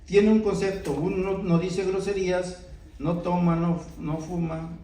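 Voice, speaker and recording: Middle-aged male pastor, high voice, earnest sermon, keeps checking in with the congregation, distant from the mic. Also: level tone, a little slow, warm tone. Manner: earnest, many rhetorical "¿verdad?" asides. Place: church. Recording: echoey church hall, voice from off-mic.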